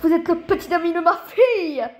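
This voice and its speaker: A woman's voice: very high voice, animated, a little fast. A woman voicing a fussy, worried father of a teenager in a toy-game story, exasperated and fretting. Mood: indignant.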